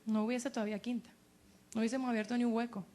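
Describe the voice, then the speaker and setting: Woman pastor preaching, high voice, lively delivery, goes quiet when quoting doubters. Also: rapid-fire. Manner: animated preaching, voices quoted doubters in a dropped tone. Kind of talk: sermon.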